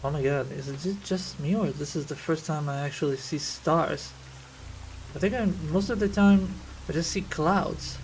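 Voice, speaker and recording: A man's voice: fairly high pitch, moderate pace, a little mellow, slight background noise. A man from Israel, rambling through casual gameplay commentary as a streamer and thinking aloud.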